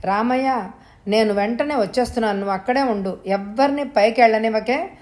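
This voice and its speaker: A woman's voice: fairly high pitch, fairly quick, a little mellow, lightly acted. A woman reading an anxious grown son. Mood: urgent. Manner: urgent, commanding. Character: adult son, anxious and calculating.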